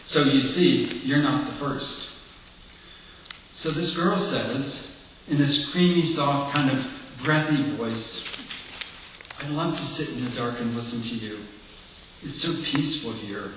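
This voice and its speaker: A man's voice: medium pitch, slow pace, long pauses, background noise, lightly acted. A man reading the part of an earnest blind man confiding his past to a priest, in a candid, reflective monologue, heard in an echoey hall from far off.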